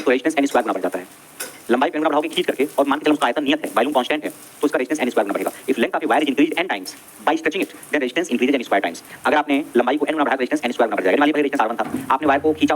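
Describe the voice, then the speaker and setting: Rapid-fire male teacher drilling definitions. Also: mid-range voice, a little hiss or hum. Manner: repeats each definition several times and quizzes the class; brisk, drilling, addresses students directly. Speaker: electrical trade teacher. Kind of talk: classroom exam-prep lecture.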